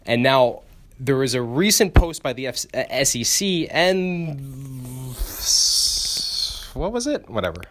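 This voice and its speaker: A man's voice: medium pitch, very animated, takes it slowly, long pauses, fairly bright tone. A young man hosting a podcast, talking casually on his own in a rambling, profane way with frequent restarts and stammers. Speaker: podcast host. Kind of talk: casual solo podcast monologue.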